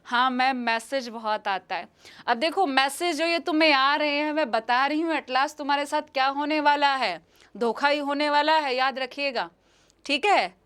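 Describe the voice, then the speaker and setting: High-voiced Indian woman teaching English. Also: normal speed, a bit bright. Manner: repeats questions and answers, calls students "beta". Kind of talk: live online exam-prep lesson.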